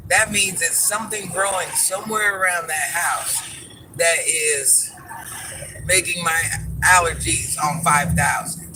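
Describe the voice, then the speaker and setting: A man with a voice on the high side, speaking at a measured pace, hosts a casual livestream from his car after work, with steady car noise behind him. He chats with viewers, greets them by name, drifts off topic and calls himself granny.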